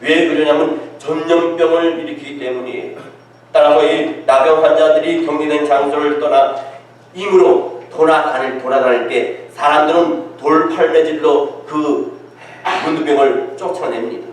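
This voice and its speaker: A man's voice: a little high, fairly even intonation, moderate pace. Male pastor preaching in an echoey hall. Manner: asks the congregation rhetorical questions. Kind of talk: sermon. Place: church sanctuary. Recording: echoey church hall from far off.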